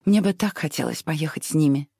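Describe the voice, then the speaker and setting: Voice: medium pitch, expressive, brisk, vocal fry, dark tone, breathy edge, dry recording, clean studio sound. A reader voicing a spoiled, willful young widow who pleads and flares up petulantly. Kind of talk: audiobook reading.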